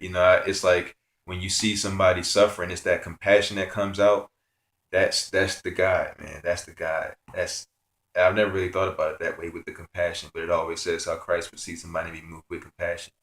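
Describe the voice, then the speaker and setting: A spiritual vlogger with a low, fairly bright voice tells a personal spiritual story in an earnest, rambling way, full of fillers. The recording has a roomy sound.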